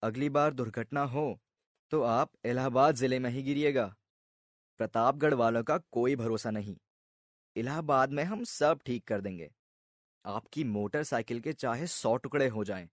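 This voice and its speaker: A smooth-talking insurance officer, as a man voices him in a storybook tale, lecturing in a persuasive, reassuring way. His voice is mid-pitched for a man and plain. The recording is dry and close. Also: normal speed, no echo, lightly acted. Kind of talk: storybook voice acting.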